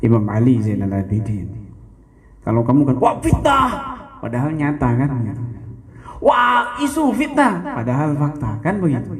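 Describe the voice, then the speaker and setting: A man preaches in a mid-pitched voice. He tells stories and acts out the speakers' lines in a raised, animated tone, then turns to his listeners with pointed questions. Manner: storytelling, acting out quotes, asking the audience questions. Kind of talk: sermon.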